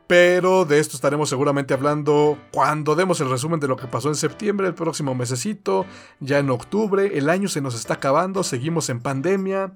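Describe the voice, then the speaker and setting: Mexican bro podcaster, higher-pitched man's voice. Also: brisk, faint music behind. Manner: laid-back bro talk with frequent slang and swearing. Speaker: podcast co-host. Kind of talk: casual podcast chat.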